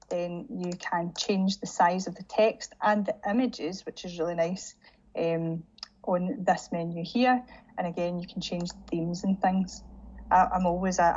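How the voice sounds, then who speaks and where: Woman trainer, lowish voice, easygoing screen-share demo, lo-fi computer-mic sound. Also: a little mellow. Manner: chatty, leans on "again" and "um" as she demonstrates. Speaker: digital learning trainer. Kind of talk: screen-share tutorial for teachers. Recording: dull lo-fi audio with faint hiss.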